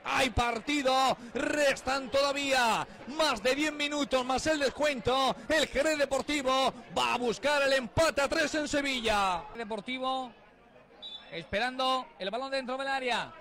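A man with an accent from Spain gives breakneck, excited, impassioned football goal commentary, rattling through play and bursting into drawn-out repeated shouts. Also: very high-pitched. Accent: Spanish from Spain.

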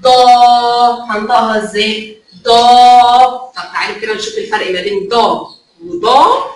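A woman's voice: medium pitch, fairly quick, fairly bright tone. A woman with an Egyptian Arabic accent teaching a kindergarten phonics lesson, asking questions and answering them herself in a coaxing way, drawing out the letter sounds. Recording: very echoey room, mic far off, faint noise.

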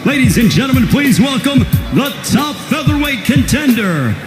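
High-pitched theatrical boxing ring announcer man. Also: big pitch swings, normal speed, loud music behind the voice. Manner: booming, formal, stretching fighters' names. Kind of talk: theatrical ring announcing, like a lucha libre announcer, with drawn-out names. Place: boxing arena.

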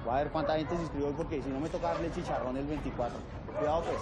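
A man's voice: on the high side, fairly even intonation, rapid-fire, a loud crowd, close to an everyday voice. A man playing a brash comic small-town comedian. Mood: grumbling. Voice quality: brash, joking, shifts to silly baby talk. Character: boastful comic middle-aged male rural comedian. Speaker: stand-up comedian character. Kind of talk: comedy film acting.

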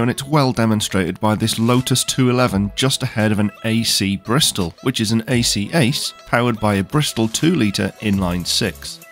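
A man giving a scripted voice-over about cars at a show, enthusiastic and knowledgeable. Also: mid-range voice. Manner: enthusiastic, knowledgeable car commentary. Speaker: car show presenter. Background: faint background music.

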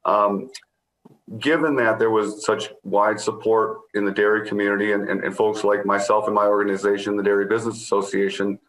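A middle-aged man moderating a panel over a video call, asking polite, measured questions. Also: on the low side, flat delivery, fairly bright tone. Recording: echoey room.

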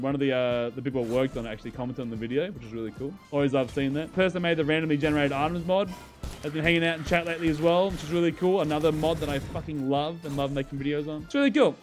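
A man giving casual gameplay commentary as a streamer, excitable, swearing and laughing as he talks to his chat. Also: on the high side. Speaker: gaming YouTuber and streamer.

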